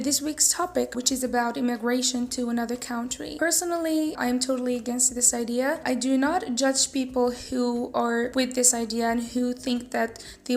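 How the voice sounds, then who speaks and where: A woman from Morocco with a Moroccan accent, sharing a personal opinion as a radio show contributor. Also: fairly high pitch.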